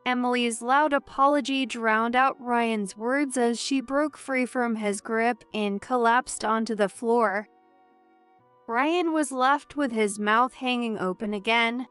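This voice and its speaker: A woman narrating a first-person drama story in a measured, earnest way. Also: on the high side, fairly bright tone, clear, resonant tone, dry recording, faint music behind.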